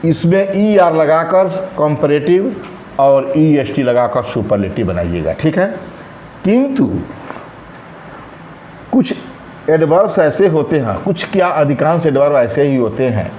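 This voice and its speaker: A man teaching an English grammar lesson in Hindi, speaking slowly and repeating words while he writes them out. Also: fairly high pitch, darkish tone. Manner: slow, drawn-out, repeats words while writing on a board. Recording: echoey room, faint background noise.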